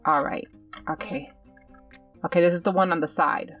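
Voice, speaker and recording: A woman's voice: on the low side, fairly even intonation, moderate pace, fairly bright tone, recorded from a distance, faint music behind. A woman hosting her gaming channel, giving live gameplay commentary with nervous, self-coaching chatter.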